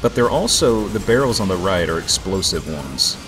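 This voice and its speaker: Deep-voiced and very animated, a let's play host jokes around at a moderate pace while he plays. Video game music plays in the background.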